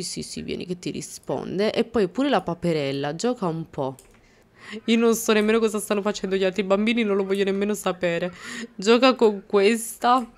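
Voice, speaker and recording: A young woman hosting a casual let's-play, talking over her game and scolding the characters with mock exasperation. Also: medium pitch. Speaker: gaming channel host.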